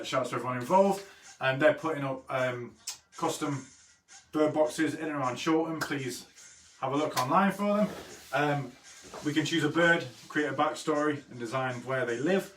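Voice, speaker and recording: Man, slightly high voice, w-like r's, easygoing drawing host, casual live-stream chat, roomy and distant mic. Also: moderate pace. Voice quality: says w for r. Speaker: host of an online drawing lesson. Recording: roomy echo, distant mic, faint noise.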